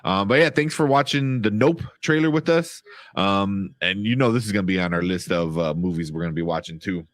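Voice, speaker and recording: A man's voice: low voice, fairly quick, no room sound. A man hosting a livestream in a casual, chatty style. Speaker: livestream host. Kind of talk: casual chat.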